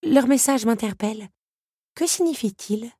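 A woman's voice: fairly high pitch, animated, a little slow, breathy edge, dry recording, pitched above the performer's own voice. A woman voicing a polite young lady guest. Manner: courteous, soft-spoken.

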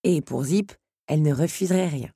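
A woman narrating an audiobook in a calm, even storytelling manner, with a husky voice. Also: sits low, moderate pace, dry recording, clean studio sound.

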